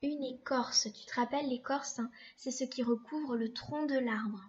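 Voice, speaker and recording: A woman teaching a young child to read, saying each word slowly and clearly with patient explanations. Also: high voice, dull audio. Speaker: primary school teacher. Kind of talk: slow reading lesson for a young child.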